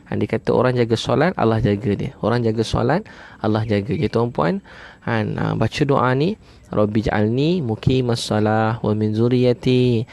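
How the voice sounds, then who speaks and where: Male preacher, Malaysian Malay accent, gravelly voice, repetitive emphatic delivery. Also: medium pitch, a little mellow. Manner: repeats each point, many "ha" fillers; chants Arabic prayers slowly. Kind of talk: sermon.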